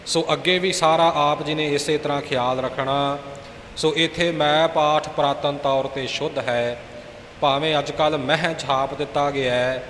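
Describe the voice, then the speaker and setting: Man, scripture teacher, patient and instructive, slightly high voice, echoey hall, faint hiss. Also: a bit bright. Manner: patient, instructive, corrects recitation point by point. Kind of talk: explaining correct pronunciation of scripture.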